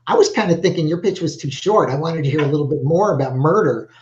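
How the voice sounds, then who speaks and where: Older man, literary agent, halting and rambling, muffled video-call audio. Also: on the high side, lively intonation, darkish tone. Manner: halting, lots of 'you know' and restarts. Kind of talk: panel feedback on a video call. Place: home office with bookshelves.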